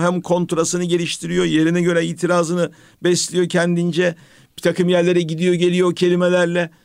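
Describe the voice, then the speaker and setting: A man hosting a casual radio talk, reflective and measured, with pious phrasing now and then. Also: sits high, no echo, clean studio sound. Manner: reflective, speaks with religious phrases. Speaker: radio host.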